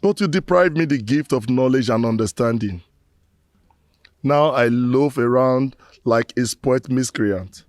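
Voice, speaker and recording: A man's voice: mid-range voice, a little mellow, dry recording. A man playing a remorseful middle-aged man who solemnly pleads with his ancestors in proverb-laden prayer.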